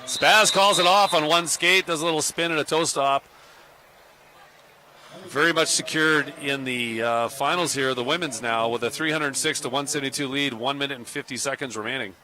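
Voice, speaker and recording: Man, roller derby play-by-play, easygoing, middle pitch, bright edge. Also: steady tone, fairly quick. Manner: easygoing, with small restarts. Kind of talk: live sports play-by-play. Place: in a parked truck at a roller derby venue.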